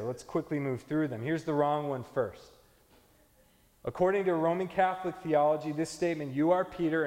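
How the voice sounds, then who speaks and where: A man's voice: fairly high pitch, a little mellow. Man preaching in a reverberant hall. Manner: conversational teaching with fillers and restarts. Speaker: pastor. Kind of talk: sermon.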